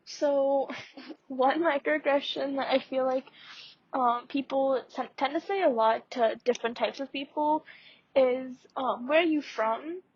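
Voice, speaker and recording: A young Indian woman who mentors students chats casually in a podcast discussion, using lots of fillers. Her voice is high-pitched and measured, captured in a dry, dull lo-fi recording.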